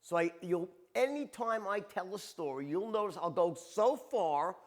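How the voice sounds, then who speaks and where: A man giving a seminar talk as a sales trainer, animated and tagging his points with "right?" and "okay?". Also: high-pitched, normal speed.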